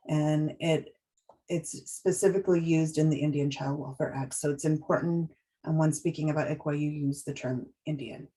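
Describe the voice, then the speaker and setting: A woman runs a training webinar, moving through her slides with measured explanations, frequent pauses and restarts. Her voice sits low with a warm tone, and the recording is rough.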